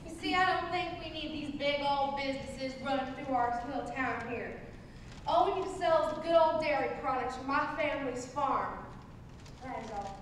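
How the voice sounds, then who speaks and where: A woman's voice: sits high, normal speed, close to an everyday voice. A woman in stage improv playing a plain, folksy small-town milkmaid. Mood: homespun. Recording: echoey hall from far off, noisy.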